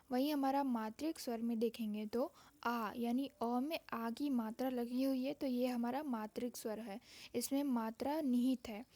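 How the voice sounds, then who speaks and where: Woman teacher, steady repetitive explaining, mellow tone, dry close sound. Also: on the high side, no echo. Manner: steady explanatory, repeats points. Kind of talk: exam-prep grammar lesson.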